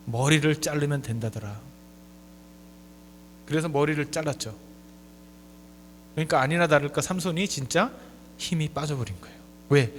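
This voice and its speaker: A man in his forties delivers a sermon with a fairly high voice, dropping low and quiet, then surging loud and high for emphasis. The church room gives a long reverb tail, and a faint electrical hum sits underneath. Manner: emphatic preaching, swinging from soft low asides to loud high appeals. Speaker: pastor. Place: church sanctuary.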